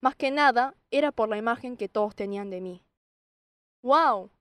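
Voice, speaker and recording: A woman's voice: on the high side, fairly quick, clean tone, no room sound. A young woman from South Korea giving a personal faith testimony, telling it expressively and acting out her own past words. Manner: expressive, acts out her own past shouts and quoted lines.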